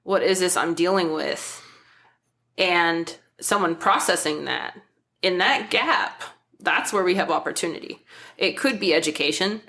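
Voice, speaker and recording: Woman in her forties, podcast host, reflective, earnest, lowish voice. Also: unhurried, bright, forceful tone. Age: 40s. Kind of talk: panel discussion.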